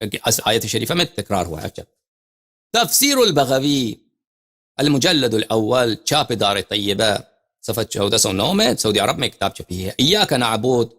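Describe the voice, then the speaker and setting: A male religious scholar giving a lecture on scripture. He reads quoted passages slowly, then explains them with emphatic, repeated phrases. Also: medium pitch, fairly bright tone. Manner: repeats and restarts phrases while thinking aloud.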